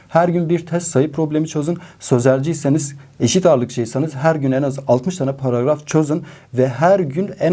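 A man's voice: fairly high pitch, mellow. A male math teacher giving emphatic exam-prep advice to students, repeating key points and speaking with a regional dialect.

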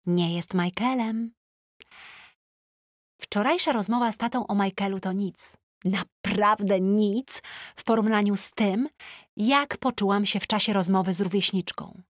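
A woman narrating an audiobook in the first person with a chatty, lively teenage-diary tone, recorded on a close studio mic. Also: mid-range voice, normal speed, no echo.

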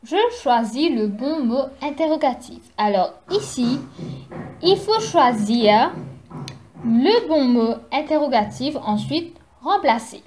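A woman teacher giving a recorded lesson from home, explaining slowly and carefully to young children. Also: sits high, animated, darkish tone, slight background noise. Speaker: primary school teacher.

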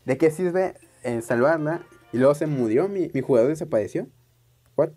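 A man's voice: a little high, lively intonation, moderate pace, dark tone, faint music behind. Rambling young man playing a game. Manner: rambling, self-mocking, chats to viewers. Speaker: let's play gamer. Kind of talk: casual gameplay commentary.

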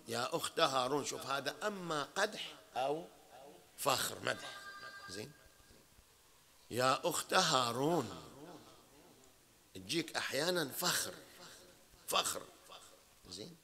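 A man's voice: mid-range voice, expressive, moderate pace, creaky, pauses often, bright, forceful tone. A man with a Bahraini Arabic accent giving a religious lecture in a conversational way, often checking in with his listeners and building to emphatic peaks. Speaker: sheikh lecturing at a mourning hall.

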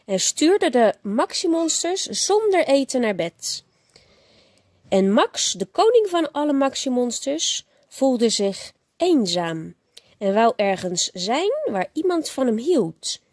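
A woman teacher reading a bedtime story aloud to a child, gentle and expressive. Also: high voice, slow, no room sound, clean studio sound.

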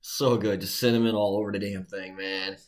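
A man with a lowish voice talks easily in a casual podcast chat. He keeps chiming in with quick agreements and laughs while the others tell the story. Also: flat delivery. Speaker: podcast co-host.

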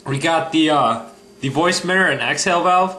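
A young American man giving a casual mock product review in a deadpan, halting, sweary way on a handheld camera at home. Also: on the high side. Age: young adult. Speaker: video host. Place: indoors at home. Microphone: handheld camera at arm's length. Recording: echoey room, noisy handheld camera audio.

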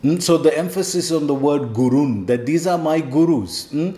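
A man delivers a devotional scripture lecture in a slightly higher voice, recorded in an echoey room. He explains patiently and keeps asking rhetorical questions, dropping a questioning "hmm?" to check that listeners follow. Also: normal speed, warm tone. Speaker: scripture teacher.

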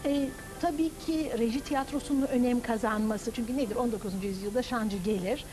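A woman in her fifties with a fairly high voice speaks on a lapel mic in a TV studio. She explains in a measured, lecturing way, as an opera director and teacher would. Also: over music, poor audio. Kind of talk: studio TV interview.

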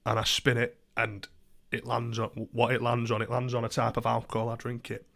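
A young British man streaming from his bedroom, chatting with strangers on video chat in a deadpan, teasing way. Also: mid-range voice, brisk, vocal fry. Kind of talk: joking casual chat with strangers.

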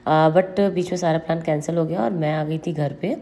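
A woman's voice: sits low, fairly even intonation, moderate pace, dark tone. A young woman talking casually to her vlog viewers, chatty and dropping English words into her speech. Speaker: vlogger.

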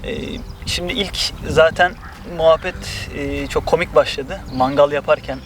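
A man's voice: a little high, fairly even intonation, moderate pace. A man chatting casually and cheerfully as a guest on an outdoor vlog. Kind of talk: casual chat.

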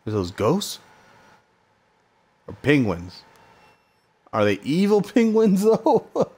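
A man's voice: high-pitched, wildly swooping pitch, slow pace, a little mellow, slightly rough. An American man giving casual gameplay commentary, thinking aloud in short, slangy remarks. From United States. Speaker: gamer recording gameplay commentary.

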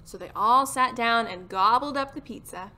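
A woman reading a children's picture book aloud in a gentle, unhurried storytelling manner. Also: fairly high pitch. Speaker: storybook reader.

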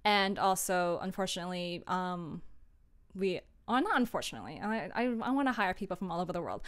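Chatting informally on her livestream, this audio drama producer jumps between thoughts and cuts herself off while responding to viewers. Her lowish voice is animated and a little fast.

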